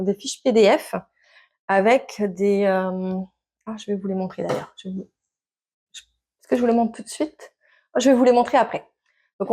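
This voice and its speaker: A woman's voice: medium pitch, a little mellow. A woman chatting casually to camera as a knitting podcaster, hesitant and full of filler sounds.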